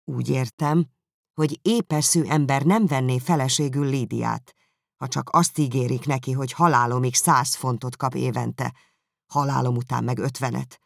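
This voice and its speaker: A man voicing a weary, dry-humoured older father in an audiobook, in his own low voice. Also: steady tone, gravelly, fairly bright tone, no room sound. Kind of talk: audiobook character reading.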